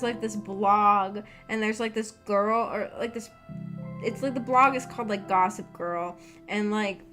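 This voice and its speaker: With background music playing, a woman livestreamer hosts a visual novel book club, rambling casually to her viewers in a hesitant, self-deprecating way. Her voice is fairly high and fairly bright.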